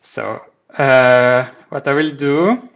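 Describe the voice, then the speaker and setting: This Swiss man, French being his first language, speaks English with a French accent in a mid-range voice, taking it slowly. He's setting up a casual live development stream, thinking aloud hesitantly with many fillers, over a slightly dull lo-fi stream mic.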